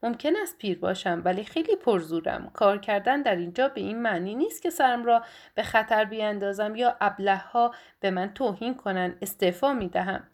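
A woman's voice: mid-range voice, natural voice. A woman voicing an old male house caretaker who talks bluntly and defensively in a read story. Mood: angry.

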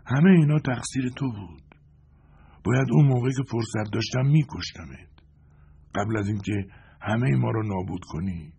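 A man's voice: on the low side, gravelly, mellow, slightly rough, voice pushed up. [name], a man doing a frail bitter old man. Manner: faint, slow, whispery speech. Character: frail, aging man, bitter and barely able to speak.

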